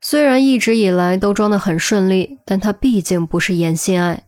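A woman narrating a web novel audiobook in a steady, even storytelling voice. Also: medium pitch, normal speed, no room sound, studio quality.

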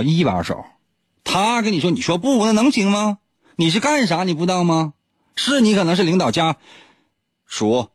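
A man's voice: on the high side, background noise. A man, a radio host telling a legend in a teasing, joking way, chuckling often. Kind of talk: joking storytelling. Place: radio studio.

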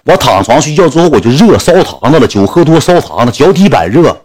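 A man's voice: medium pitch, very animated, quick pace, music in the background. A man with a Northeastern Mandarin accent, a livestreamer telling a crude comic story full of sound effects.

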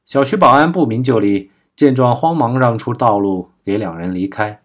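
A man narrating a crime novel audiobook in a steady, even storytelling manner. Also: mid-range voice, moderate pace.

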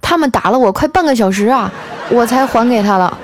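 A woman voicing a hapless, breathless young man who speaks in a hurried, sheepish way. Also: on the high side, lively intonation, crowd noise, pitched above the performer's own voice, natural voice.

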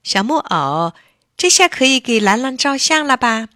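A woman voicing a kind, caring little girl who coaxes the others gently in a children's story. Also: a little high, big pitch swings, normal speed, dry recording, studio quality, pitched above the performer's own voice. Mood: cheerful.

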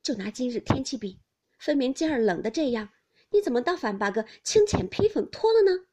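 A woman voicing a sharp-tongued, touchy young noblewoman in an audiobook of a classic novel, speaking in a reproachful, sulky way. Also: sits high, sing-song, brisk, pitched above the performer's own voice. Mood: scolding. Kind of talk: audiobook character reading.

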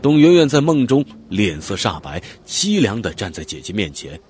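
A man's voice: lowish voice, sing-song, moderate pace, a little mellow, slight background noise. A man narrating a dramatic audiobook, telling the story vividly and expressively. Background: faint background music.

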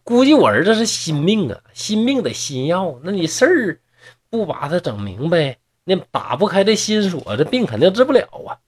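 A man's voice: sits high, sing-song, moderate pace, breathy edge, voice pushed up, heavily acted. A man with a Northeastern accent voicing a fretful middle-aged mother who coaxes and pleads in a storybook tale. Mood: pleading. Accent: Northeastern Mandarin.

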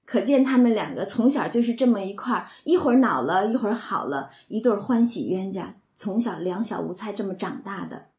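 A woman's voice: medium pitch, lively intonation, fairly quick, few pauses, a little mellow, reverberant. A woman explaining and retelling a classic novel in a conversational way, often slipping into the characters' lines and using many filler words. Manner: retells scenes, slips into quoted dialogue, frequent filler words. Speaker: literature commentator.

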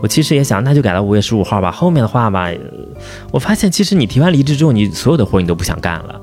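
A man's voice: mid-range voice, sing-song, racing, darkish tone, faint music behind. A man telling a long, profane, angry story about his workplace. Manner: profane, heated, rising to outbursts. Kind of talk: casual angry rant.

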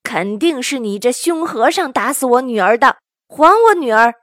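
A woman's voice: mid-range voice, very animated, slow pace, no echo, studio quality. A woman voicing a grieving old village woman who wails, scolds and then pleads. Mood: wailing. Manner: wailing and scolding.

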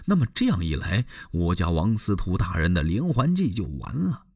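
A male storyteller voicing a frightened, clever young concubine in a high, pleading, tearful voice. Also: wildly swooping pitch, moderate pace, darkish tone, husky, dry recording, clean studio sound, full character voice. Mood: alarmed.

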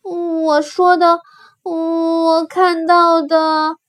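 A woman voicing a timid little male rabbit in a children's story, crying out in high, panicky bursts. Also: level tone, extremely slow, heavily acted.

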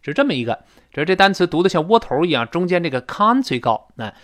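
A man's voice: a little high, big pitch swings, fast talker, fairly bright tone. A man teaching English pronunciation in a recorded audio lesson. He explains intonation and demonstrates the sounds as he goes.

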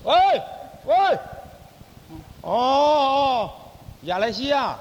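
A man's voice: very high voice, expressive, very slow, long reverb tail, lo-fi sound, a little hiss or hum, heavily acted. A male crosstalk comedian, playing a smug, self-important fixer who boasts of connections and bosses his partner around. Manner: blustering, bossy, talks down to his partner.

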